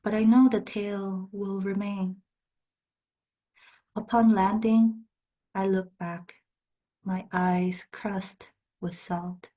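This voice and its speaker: In a rough recording, a woman poet who grew up speaking Spanish and Korean introduces and reads her poems in careful, deliberate short phrases. Her mid-range voice is steady and warm.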